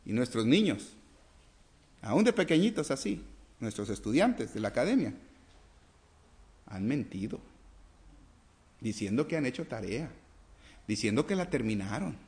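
A man preaching a sermon and reading scripture aloud, asking the congregation rhetorical questions and swinging between loud emphasis and quiet asides. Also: mid-range voice, sing-song, measured pace, pauses often. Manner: reads scripture aloud, acting out the dialogue.

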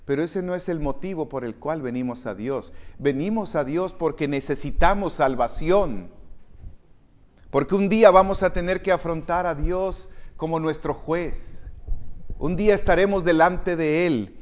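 Male pastor, slightly high voice, slow deliberate sermon delivery, dynamic swings in volume. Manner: preaching with wide swings in loudness, rising to emphatic calls; addresses congregation directly, restarts words.

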